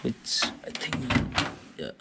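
Over heavy background noise, a man slowly walks viewers through a small student flat for a house-tour vlog. He names its features one by one in a casual, straightforward way.

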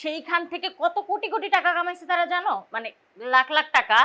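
An actress playing a sharp, defiant daughter defending her parents in a TV comedy drama. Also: very high voice, expressive, quick pace, exaggerated voice. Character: sharp defensive young wife. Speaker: daughter and wife.

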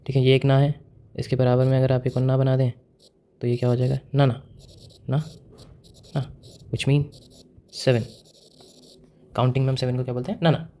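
A man's voice: mid-range voice, mellow. A man with an Indian accent teaching Japanese writing step by step, often asking the viewer questions and mixing English into his Hindi. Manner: mixes English words into Hindi. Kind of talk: whiteboard lesson in Hindi mixed with English.

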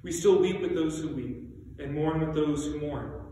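Man, solemn prayer leader, slightly high voice, very reverberant church recording. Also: dark tone. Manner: solemn, measured. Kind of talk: reading liturgical intercessory prayer. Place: small church sanctuary, indoors. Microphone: distant camera. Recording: echoey church, distant mic, faint noise.

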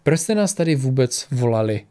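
A man voicing a gruff middle-aged mercenary father who questions impatiently in an audiobook. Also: medium pitch, a little mellow, lightly acted.

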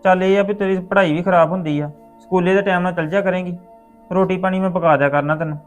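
A man playing a caring widowed father who talks to his daughter in a gentle, coaxing way in a web series drama. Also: high voice, fairly even intonation, fast talker, highs cut off, soft background music, lightly acted. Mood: consoling.

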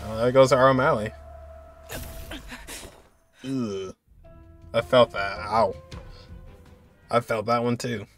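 A gaming content creator in his twenties gives laid-back, slangy reactions to a video game, with game music behind him. His mid-range, fairly bright voice moves slowly with fairly even intonation and frequent pauses.

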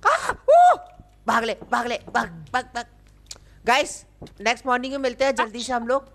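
A woman's voice: on the high side, flat delivery, brisk, background noise. A young woman hosting a game video, teasing and bossing a friend in casual chat. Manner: teasing, bossy, playful. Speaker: gamer host.

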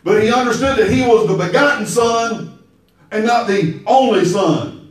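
A man's voice: high-pitched, moderate pace. A man, a pastor preaching an emphatic storytelling sermon with call-and-response. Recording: very echoey hall, mic far off.

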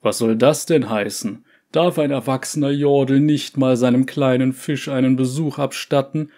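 A man's voice: medium pitch, lively intonation, unhurried, dark tone. A man voicing a cheerful, pushy elderly male yordle uncle who coaxes relentlessly in a storybook reading. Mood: coaxing.

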